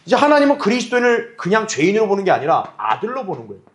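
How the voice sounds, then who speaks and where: A man's voice: high voice, huge pitch swings, very fast, a little hiss or hum. A male pastor teaching a Bible class, asking his listeners rhetorical questions and acting out little dialogues. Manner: acts out quoted voices in dialogue. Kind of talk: Bible study lecture.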